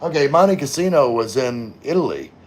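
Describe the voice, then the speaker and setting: Reading out viewer comments on his casual livestream, a middle-aged man replies at a moderate pace in a medium-pitched voice with lively intonation. His manner is rambling and informal, and he occasionally swears.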